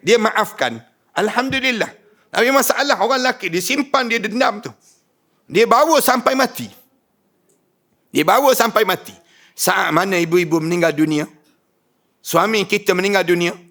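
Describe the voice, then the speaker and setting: Religious lecturer, male, northern Malaysian Malay accent, pitched high, exhorts a live audience with rhetorical questions. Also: pushed and bright. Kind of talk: sermon.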